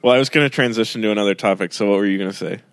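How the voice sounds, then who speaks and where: Low-voiced young man, dry sound. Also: very fast, clear, resonant tone, no echo. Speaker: podcast co-host. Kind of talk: casual chat. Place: home desk, remote recording.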